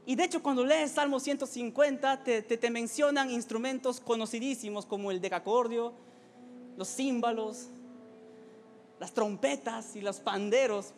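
A male pastor preaches a sermon in a strikingly high voice. He is fervent, climbs into shouted exclamations and often trips over and repeats his words. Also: normal speed.

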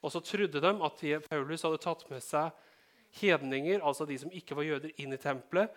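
Norwegian-speaking male pastor, fairly high voice. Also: fairly bright tone. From Norway. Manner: conversational, joking asides to the congregation. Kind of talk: sermon.

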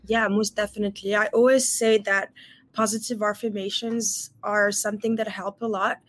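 A young woman from Morocco, guest on a podcast interview, talking earnestly as an empowerment coach with frequent pauses. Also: mid-range voice, little pitch movement, a bit bright. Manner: earnest, fluent, frequent "uh" fillers.

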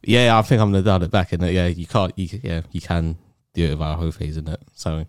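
Deep-voiced London roadman in casual chat. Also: fairly even intonation, fast talker, no room sound, clean studio sound. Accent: London roadman slang accent. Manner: heavy street slang with tag questions.

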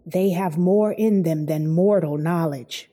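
A woman playing a brooding, ambitious warrior lord in a Shakespearean drama, measured and grave. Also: fairly low pitch, dark tone. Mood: awed. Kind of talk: dramatic Shakespearean verse acting.

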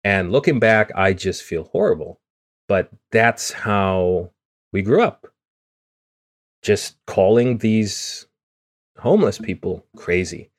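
A man from Guyana with a fairly low voice, speaking earnestly on a podcast. He talks openly and at an easy conversational pace, often stumbling and restarting a phrase. The tone is candid and unguarded. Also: lively intonation, slow, pauses often. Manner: earnest and open, with frequent restarts. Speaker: podcast co-host.

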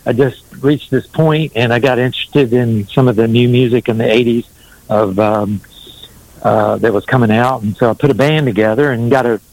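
A man's voice: mid-range voice, fairly even intonation, moderate pace, darkish tone, no echo, poor audio. A middle-aged man from North Carolina, telling his story in a rambling, hesitant way as an interview guest. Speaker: singer-songwriter, interview guest.

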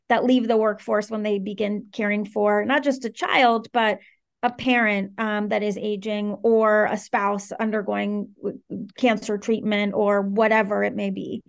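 A woman in her thirties, raised between Venezuela and the Washington DC area, speaking as an interview guest in an articulate, earnest and animated way. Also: mid-range voice. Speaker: guest, startup co-founder. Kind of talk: interview conversation.

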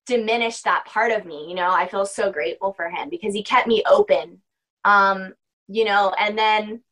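Speaking at normal speed in a mid-range, fairly bright voice, a young woman guests on a podcast as a spiritual practitioner, rambling casually through the interview with lots of "like" and "you know." The recording quality is rough.

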